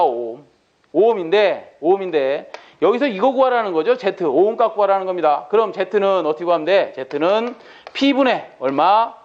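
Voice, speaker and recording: A man's voice: high-pitched, highs cut off. A male lecturer in an exam-prep lecture, working through problems by asking questions and answering them himself.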